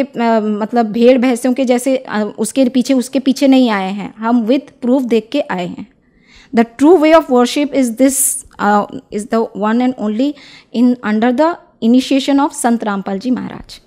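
Earnest young woman, slightly high voice. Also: darkish tone. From Odisha, India. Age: young adult. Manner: earnest and persuasive, pausing often with filler sounds. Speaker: interview guest. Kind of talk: devotional testimony interview.

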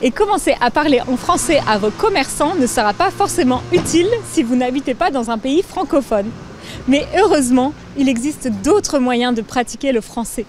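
A young woman presenting with a clear, lively teaching delivery, recorded outdoors on a handheld mic. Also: sits high, moderate pace, soft background music. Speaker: host. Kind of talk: scripted presenting and role-play.

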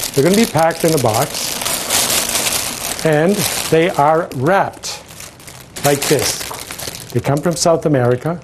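A man's voice: medium pitch, a little mellow, slight background noise. A middle-aged man, a floral consultant, showing step by step how to prepare flowers, emphatic and dropping small jokes as he talks to the viewer. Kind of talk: hands-on demonstration.

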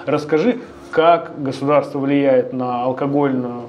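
A man's voice: mid-range voice, fairly even intonation, unhurried, muffled recording, a little hiss or hum. A man hosting a business podcast, asking long, formally phrased questions in a dim bar. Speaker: podcast host. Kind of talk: interview questions.

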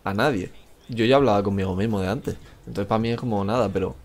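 On the low side and quick to talk, this man's voice carries a Spain Spanish accent as he streams a game live. His commentary wanders, full of self-directed jokes and plenty of swearing.

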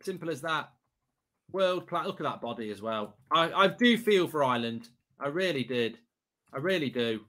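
Animated, high-voiced man commenting on football. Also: normal speed. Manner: animated, repeats phrases for emphasis. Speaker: football watch-along host. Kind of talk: casual live match commentary. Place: indoor desk streaming setup.

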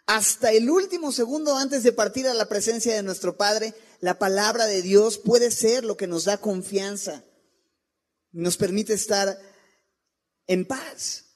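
A man's voice: high-pitched, a little slow. A man, preaching a sermon in a church and asking his listeners many rhetorical questions. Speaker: pastor. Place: church sanctuary.

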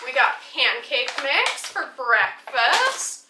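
In a home vlog, a mother in her thirties chats casually about her groceries in the dining room, laughing often as she explains each item. Her high voice is sing-song and unhurried. A camera mic across the table picks her up distantly, with a roomy sound and noise.

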